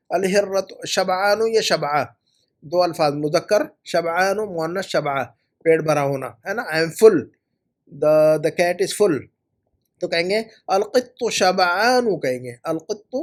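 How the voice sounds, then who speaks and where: High-voiced man teaching Arabic grammar. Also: darkish tone. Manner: patient, repeats words slowly for pronunciation. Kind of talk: correcting student homework in a recorded lesson.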